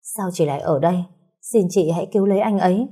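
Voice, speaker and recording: A woman's voice: lowish voice, fast talker, warm tone, breathy edge. A woman voicing a desperate young wife and mother who begs tearfully, in a storybook reading. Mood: pleading. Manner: tearful begging. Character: desperate young pregnant-mother daughter, pleading.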